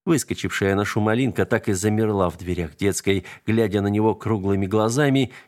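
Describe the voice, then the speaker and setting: A man narrating an audiobook in a steady storytelling voice. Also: on the low side, brisk. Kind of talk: scripted narration.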